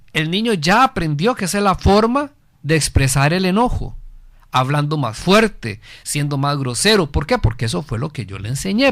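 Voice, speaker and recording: A Costa Rican man with a Costa Rican Spanish accent hosts a family guidance program, giving an earnest, didactic talk on parenting in which he often asks himself questions, answers them, and repeats phrases for emphasis. His voice sits on the high side, and the recording is clean studio sound with no room sound.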